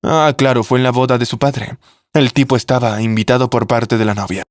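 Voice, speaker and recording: A man narrating a family drama story in a steady, measured way. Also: mid-range voice, no echo, studio quality.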